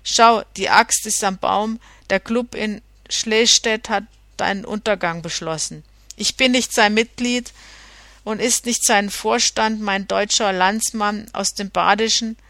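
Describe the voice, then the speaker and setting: A woman's voice: mid-range voice, steady tone, measured pace, no room sound. Woman doing a sneering drunk journeyman. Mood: threatening. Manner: mocking and threatening, loud outbursts. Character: half-drunk scheming male journeyman revolutionary, sneering.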